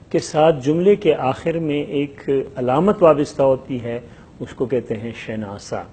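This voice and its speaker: A male teacher explains a lesson at a measured pace, drawing out each example phrase so it can be heard clearly. His voice sits in an ordinary middle pitch, and a faint hum runs under the recording. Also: mellow. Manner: slow, drawn-out modelling of example sentences; repeats each sentence with several translations. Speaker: language teacher. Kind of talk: spoken language lesson.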